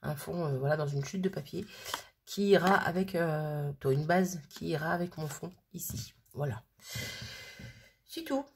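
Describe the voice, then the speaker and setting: A woman's voice: low-pitched, expressive, a little slow, darkish tone, slight background noise. A woman hosting a casual crafting video who chats and thinks aloud with plenty of fillers. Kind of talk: casual crafting tutorial chat.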